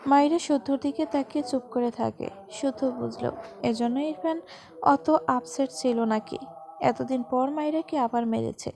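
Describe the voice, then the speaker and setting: A woman narrating a romantic family story as a storybook reading in a steady, even manner. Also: sits high, moderate pace, creaky.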